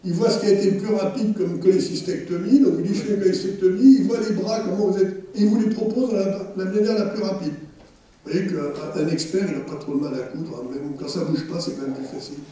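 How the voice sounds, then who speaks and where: A man's voice: sits high, steady tone, fast, mellow. An older man, a surgeon, talking loosely through a surgical video at an academic session, with many restarts and asides. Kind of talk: live commentary on surgical video in a lecture. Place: lecture hall. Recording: roomy hall, speaker far from mic.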